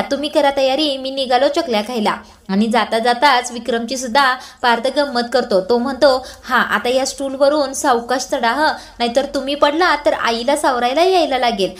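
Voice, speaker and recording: Woman with a Marathi accent, high voice, casual serial recap that reads all the dialogue herself. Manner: reads every character's lines in her own voice; small hesitations and restarts. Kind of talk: retelling a TV serial episode.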